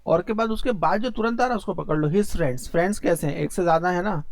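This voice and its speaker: A man explains grammar in a lively classroom way. His voice sits fairly high for a man, and he keeps asking questions and answering them himself. The recording is dry and close, with no room sound. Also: brisk, no echo. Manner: mixes Hindi and English, asks and answers his own questions. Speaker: English teacher.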